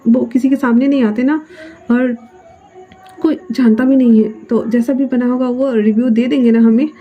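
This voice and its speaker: A woman's voice: fairly high pitch, fairly even intonation, moderate pace, natural voice. A woman voicing a shy, nervous young male scientist who stammers and hesitates, in a storybook reading with a dull lo-fi sound. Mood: earnest.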